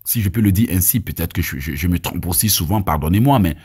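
This deliverance prayer teaching comes from a man in his thirties from Côte d'Ivoire with an Ivorian French accent and Abé as his first language. He speaks quickly in a low, husky, somewhat mellow voice, preaching emphatically with many stammered restarts, recorded outside on a phone at arm's length.

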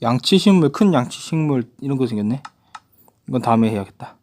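A man's voice: mid-range voice, brisk. A young man giving casual gameplay commentary, explaining new items and talking to himself as he plays. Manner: lively, talks to himself while playing. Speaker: gaming YouTuber.

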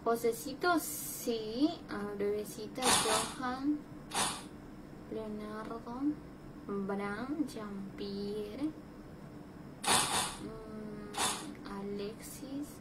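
A young woman chatting casually with viewers on a gaming livestream, greeting them and breaking into loud exclamations. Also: medium pitch, drawn-out words, pauses often. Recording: loud background noise.

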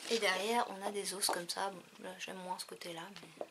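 A woman's voice: mid-range voice, fairly even intonation, fairly quick, noisy background. A French woman chatting casually through a crafting haul video, with many fillers as she shows her purchases. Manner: chatty, many fillers, counting and showing items. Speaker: crafting vlogger.

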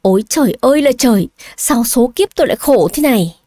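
A woman voicing an irritable, sharp-tongued young bride who scolds her husband, in an audio story. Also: a little high, expressive, fast talker, no room sound, studio quality, lightly acted. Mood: irritated. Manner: snapping, scolding.

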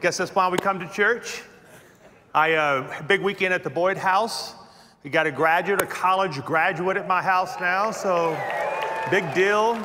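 A middle-aged pastor preaches a sermon on a large church stage in a high-pitched, slightly slow voice, chatty and joking and laughing at his own jokes. Crowd noise can be heard, and the church auditorium is reverberant.

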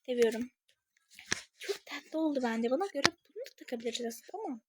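A woman's voice: a little high, animated, a little fast, very noisy. A young woman casually commenting on a game she is playing, chatting to her viewers and thinking aloud as she goes. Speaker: gaming channel creator.

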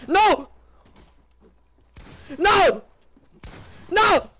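A young man chatting as a hyped gamer bro, boastful and excitedly repeating himself. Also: very high voice, drawn-out words. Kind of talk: casual hyped gaming chat. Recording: noisy game audio with gunfire. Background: video game gunfire and clicks.

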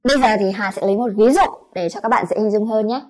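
A woman with a Vietnamese accent teaching a pronunciation lesson, sounding out each sound slowly and repeating it. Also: fairly high pitch, a little mellow. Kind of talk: explanatory lesson.

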